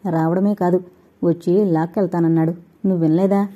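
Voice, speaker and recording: A gentle young man, anxious and caring, questioning softly, as a woman reads his part. His voice is dark and husky. The sound is dull and lo-fi. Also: fairly low pitch, fairly even intonation, fairly quick, lightly acted. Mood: concerned. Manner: soft, concerned questioning.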